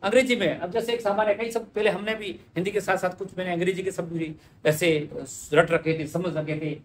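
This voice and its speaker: A man's voice: sits high, steady tone, fairly quick. A man teaching Hindi spelling in a conversational way, repeating each word as he writes it out on a board. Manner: conversational, repeats words while writing. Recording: echoey room with faint ambient noise.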